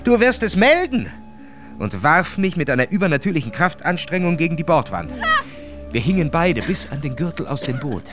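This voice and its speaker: A man narrating a literary radio drama in a measured, calm storytelling voice. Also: a little high, faint music behind.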